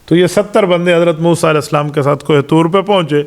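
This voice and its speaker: Male mufti, middle-aged, high voice, emphatic storytelling Quran lesson. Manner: storytelling, acts out quoted dialogue; explanatory, emphatic. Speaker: mufti, Islamic preacher. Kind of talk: Ramadan Quran lesson sermon.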